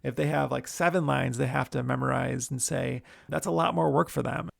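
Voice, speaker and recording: Gravelly-voiced man giving writing tips. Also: medium pitch, normal speed, no room sound, studio quality. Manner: relaxed, chatty, many fillers. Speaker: screenwriter and podcast host. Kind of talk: casual instructional talk.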